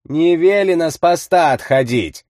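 A man doing a monotone, stubborn guard. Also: a little high, normal speed, dry recording, clean studio sound, voice pushed up, lightly acted. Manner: monotone, flat. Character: stubborn male palace guard.

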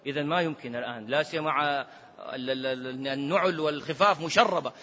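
High-voiced bright male preacher in a hall. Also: fast talker. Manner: lively, mixes colloquial Arabic with quoted scripture, chants some phrases. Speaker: sheikh giving a religious lesson. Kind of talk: sermon-style religious lesson. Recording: lo-fi recording in a reverberant hall.

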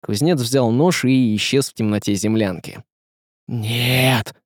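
A male narrator reads a scripted audiobook with lively, dramatic storytelling. His voice is medium-pitched at a normal speed, recorded in studio quality with no room sound.

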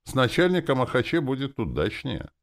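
A brusque military captain, read by a man snaps out orders in clipped, dry phrases. His gravelly voice moves animatedly between high and low. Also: wildly swooping pitch, brisk. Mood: gruff. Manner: curt, commanding. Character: brusque male army captain, commanding.

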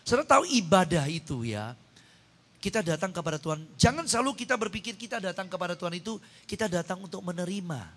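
A man preaching a sermon, telling stories animatedly with sudden high-pitched exclamations into a handheld microphone. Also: sing-song, quick pace, a bit bright. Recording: long hall reverb.

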